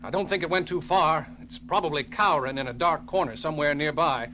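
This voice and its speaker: An actor playing an irascible, sarcastic starship doctor, grumbling and excitable, in an audio drama. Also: male voice, fairly high pitch, fairly quick, a little hiss or hum. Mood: sardonic. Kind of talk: dramatic audio theater acting. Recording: music under the voice.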